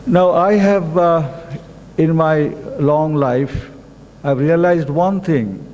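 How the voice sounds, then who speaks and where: Older Bangladeshi-accented male speaker, measured formal address, mellow tone, echoey hall. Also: a little high. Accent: Bangladeshi English. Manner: slow, deliberate, halting delivery with pauses. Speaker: conference speaker. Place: conference hall. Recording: echoey hall with faint background noise.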